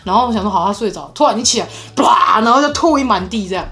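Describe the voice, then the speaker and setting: A woman's voice: on the high side, fast talker, faint music behind. A woman in her thirties with a Taiwanese Mandarin accent, hosting a podcast and telling stories in casual chat while laughing often. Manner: laughs often, animated storyteller. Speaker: podcast host, mother.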